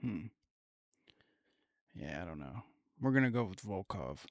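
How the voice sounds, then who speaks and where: Young man, podcast host, gravelly, swears a lot, rambling, dry close sound. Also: sits low, big pitch swings, unhurried, no echo. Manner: rambling, profane, thinks aloud. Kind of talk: casual fight predictions podcast.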